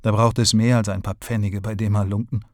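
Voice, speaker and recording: Mann spielt einen müden alten Leierkastenmann. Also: male voice, fairly low pitch, flat delivery, a little fast, a little mellow, dry recording, clean studio sound, lightly acted. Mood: weary. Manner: weary, subdued. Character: old, tired, sad organ-grinder man.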